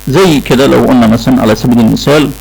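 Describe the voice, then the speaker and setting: A man's voice: mid-range voice, racing, gravelly, a little mellow, slightly rough, low-quality recording. A man with an Egyptian Arabic accent lecturing a class on English pronunciation, repeating key points and checking in with the students. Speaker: English teacher.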